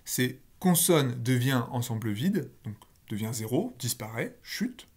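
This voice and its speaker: A man's voice: mid-range voice, expressive, measured pace, a little mellow, slightly rough. A man teaching a recorded linguistics lecture, blunt and emphatic, with casual asides and key words drawn out for stress.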